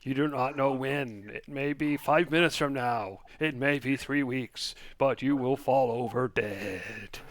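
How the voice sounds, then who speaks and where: Man voicing a slow, menacing female demon. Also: medium pitch, lightly acted.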